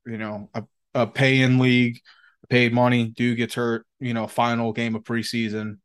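A man's voice: mid-range voice, flat delivery, normal speed, clear, resonant tone. A man co-hosting a podcast in casual chat, rambling and slangy, with plenty of swearing. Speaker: podcast co-host.

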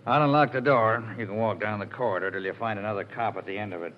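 Weary, low-voiced jail policeman acted by a man. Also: quick pace, close to an everyday voice. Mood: weary, dismissive. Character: gruff, weary, put-upon male jail policeman. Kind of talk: 1940s radio acting. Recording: dull, noisy old radio recording.

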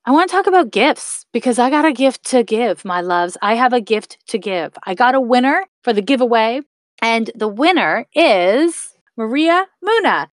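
This podcast host, a woman in her thirties, has a fairly high, expressive voice and talks at a moderate pace. She gives relaxed spiritual advice and encourages her listeners, calling them her loves. The sound is dry and close, free of echo.

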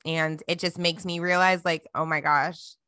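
A woman in her late twenties hosting a casual chat, talking in an animated, slangy and emphatic way. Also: sits low, moderate pace, dry recording. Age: 20s.

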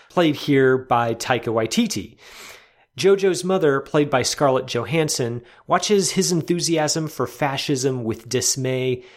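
Podcast host guy, mid-pitched, reading his film review carefully, bit of stumbling here and there. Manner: articulate, measured, with small restarts.

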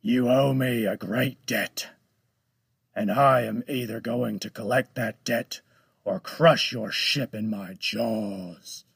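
A man voicing a menacing giant talking male shark in a storybook, speaking with slow, heavy, drawn-out menace. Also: mid-range voice, steady tone, creaky, fairly bright tone, husky, no room sound, studio quality, exaggerated voice. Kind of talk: storybook read-aloud.

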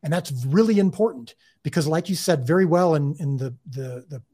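A man's voice: a little high, expressive, fairly quick, warm tone. A man speaking as an interview guest about the series he created, earnest and talkative, often restarting and repeating words. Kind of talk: casual interview talk.

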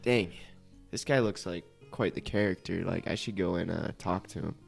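A man's voice: deep voice, creaky. A young man playing a tabletop game with friends, joking around in slangy teen speech. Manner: slow, joking, slangy, says bro a lot. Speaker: player. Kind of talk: tabletop role-play banter. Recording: music playing behind.

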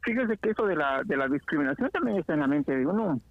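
Gravelly Guatemalan man on radio. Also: fairly high pitch, animated, quick pace, no room sound, phone-quality sound. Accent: Guatemalan Spanish. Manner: storytelling, reflective. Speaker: radio show co-host. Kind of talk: casual radio chat.

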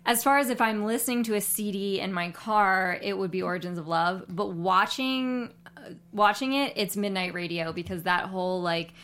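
Bright-voiced woman in casual chat. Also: mid-range voice, moderate pace, clean tone.

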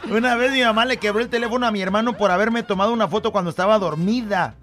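A man's voice: sits high, very fast, fairly bright tone, soft background music. A man co-hosting a radio show, cracking jokes and throwing in mock-outraged asides. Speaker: radio co-host. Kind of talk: joking radio banter.

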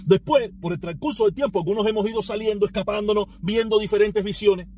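A man's voice: high voice, fast talker, a little mellow, slight background noise. A man from Cuba with a Cuban accent, giving emphatic solo political commentary and often repeating or restarting words. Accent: Cuban Spanish. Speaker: political podcaster.

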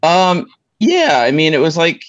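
A man's voice: on the high side, wildly swooping pitch, measured pace, fairly bright tone, dry recording, highs cut off. A middle-aged man, talking informally and plainly as the guest in a casual interview. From Queens, New York. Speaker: interview guest, martial arts coach.

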